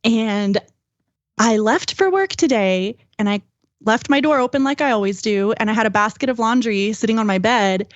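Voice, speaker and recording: Female co-host, fairly high voice, informal storytelling, slightly muffled dry recording. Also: normal speed, dry recording. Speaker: podcast co-host. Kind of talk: casual chat.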